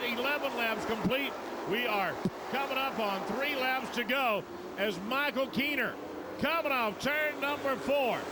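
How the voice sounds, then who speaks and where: A man, calling a live stock car race with excited, drawn-out calls. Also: very high voice. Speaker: race announcer. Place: outdoor dirt racetrack. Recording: loud engine noise at a racetrack.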